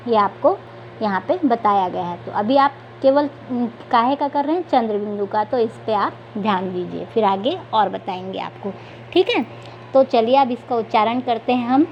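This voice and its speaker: A woman with a high voice teaches young children to read, putting a question to them and then answering it herself. She draws words out slowly when she reads them aloud. The recording sounds dull and lo-fi, with a faint hiss behind her. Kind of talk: Hindi reading lesson for young children.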